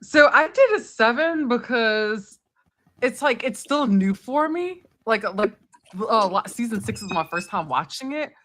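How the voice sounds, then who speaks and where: A woman's voice: fairly high pitch, lively intonation, unhurried, a bit bright. A woman guest in a casual chat, giggly and hesitant with lots of fillers.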